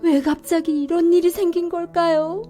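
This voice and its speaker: A woman voicing a flustered, tearful mother in a children's story, with a shrill, pleading manner. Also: level tone, moderate pace, dark tone, soft background music. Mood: bewildered. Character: flustered mother, suddenly tiny, tearful and indignant. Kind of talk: storybook voice acting.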